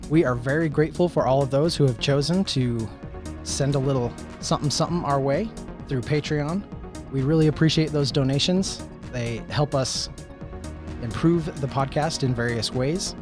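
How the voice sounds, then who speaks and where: A man hosting a board game podcast, reading announcements in a casual, lively way. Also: mid-range voice. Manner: lively, laughing easily. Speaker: podcast host.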